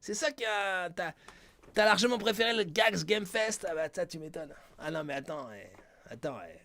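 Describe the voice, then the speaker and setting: A man hosting a live stream, talking casually to his chat. His voice sits a little on the high side. He jokes, teases and plays up a mock-grandiose manner. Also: expressive, moderate pace, creaky, pushed and bright. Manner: joking, theatrical, mock-grandiose banter with chat. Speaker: streamer commenting a live game show.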